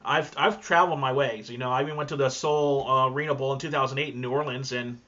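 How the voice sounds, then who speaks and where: A man's voice: medium pitch, fairly even intonation, fast, bright, forceful tone. A man hosting a podcast, chatting casually and rambling, with many fillers and restarts. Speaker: podcast host. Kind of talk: casual conversation. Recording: dull lo-fi sound.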